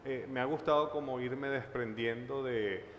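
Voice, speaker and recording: A man's voice: mid-range voice, moderate pace, a bit bright. A man from Caracas with a Venezuelan accent, speaking thoughtfully and hesitantly as a writer on a panel, with many fillers and tag questions. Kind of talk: panel talk at a book fair. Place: large hall at a book fair. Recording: echoey hall with faint noise.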